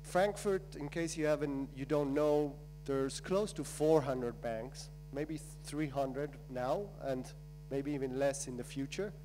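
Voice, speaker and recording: A man's voice: mid-range voice, a little slow, few pauses, warm tone, poor audio. A man from Israel giving a conference talk in a loose, chatty way with many fillers. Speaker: accelerator founder. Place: conference stage. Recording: mains hum in background.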